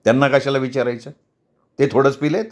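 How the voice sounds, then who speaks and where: A man's voice: medium pitch, steady tone, a little fast, close to an everyday voice. A man voicing a harassed, cornered man, restrained and pleading. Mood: indignant.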